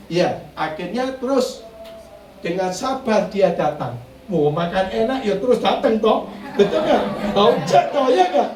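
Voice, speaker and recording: Male preacher, playful call-and-response style; heard from a distance in an echoey hall. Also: high-pitched. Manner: lively, jokey, asks the congregation questions, mixes in Javanese. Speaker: pastor. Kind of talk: sermon. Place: church.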